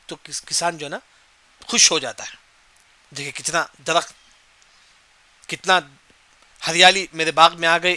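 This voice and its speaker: High, bright-voiced man teaching Quran commentary. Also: dry recording. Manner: explains Arabic words slowly, repeats key points; chants Arabic verses.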